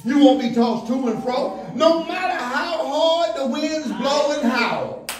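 A man preaching a sermon from the pulpit in rhythmic call-and-response style, building to shouts. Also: very high voice, lively intonation, slow pace, distant mic, background noise. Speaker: pastor. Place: church sanctuary, indoors, at a pulpit. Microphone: stand mic at the pulpit, filmed from a far camera. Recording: echoey church room, heard from afar.

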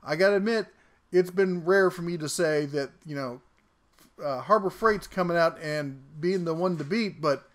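Slightly high-voiced guy in his garage shop testing tools, jokey and chatty. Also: normal speed. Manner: wisecracking, talks while working. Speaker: tool reviewer host. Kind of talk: casual product review. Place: home workshop garage.

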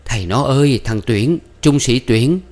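A man voicing a loud, bossy old village mother who scolds her daughter. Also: fairly low pitch, moderate pace, close to an everyday voice. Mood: excited.

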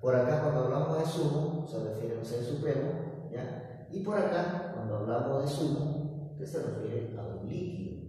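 A man's voice: medium pitch, lively intonation, moderate pace, warm tone, far from the mic. Peruvian male teacher, patient and repetitive, recorded off-mic in a roomy space with heavy reverb. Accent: Peruvian Spanish. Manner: patient, repetitive, keeps asking "¿ya?". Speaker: primary school teacher. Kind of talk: recorded classroom lesson. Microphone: far from mic.

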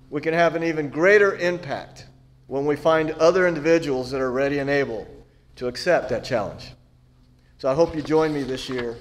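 A middle-aged man, a lay church member, reading a prepared announcement steadily from a lectern in a church. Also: fairly high pitch.

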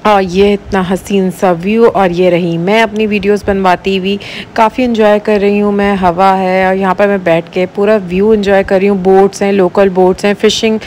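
A young woman from Pakistan narrating her travel vlog in a casual, chatty voice-over, pausing often with "uh". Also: medium pitch, a little hiss or hum. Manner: chatty, relaxed, with many "uh" pauses. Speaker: vlogger.

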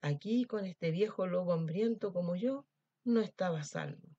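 A woman's voice: lively intonation, moderate pace, no room sound, dull audio. A woman doing an old grumbling wolf. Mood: fretful. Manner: exclaiming, pleading, louder and higher. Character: old hungry male wolf, grumbling but soft-hearted. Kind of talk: storybook read-aloud.

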